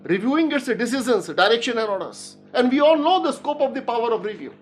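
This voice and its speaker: A woman lawyer making a formal courtroom argument, reading legal text deliberately and emphatically, repeating key phrases. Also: on the high side, very animated, faint music behind. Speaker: lawyer arguing before a judge. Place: courtroom live stream.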